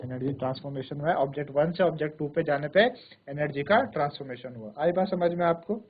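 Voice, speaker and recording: A male science teacher, lecturing pupils in a studio classroom, asking them questions again and again and dictating definitions slowly, word by word. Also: fairly high pitch, husky. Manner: repetitive, quizzing questions to pupils. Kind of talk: classroom lecture in Hindi with English terms. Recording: thin phone-like sound.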